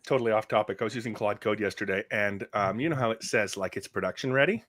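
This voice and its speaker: A man's voice: fairly low pitch, fast talker, a bit bright. A man hosting a casual tech chat, asking curious questions and joking now and then. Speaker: podcast host.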